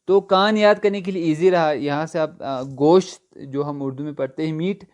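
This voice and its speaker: A male language teacher, a native Urdu speaker, slowly drilling vocabulary by asking and answering his own questions. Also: on the high side. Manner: slow drilling, repeats words with question and answer. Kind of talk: recorded online language lesson.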